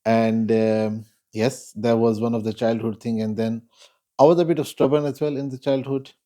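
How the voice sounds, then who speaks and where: Guy telling his life story in an interview, soft mellow voice, slow and thoughtful with lots of pauses. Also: mid-range voice, fairly even intonation. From Pakistan. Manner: measured and reflective, pausing often. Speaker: guest.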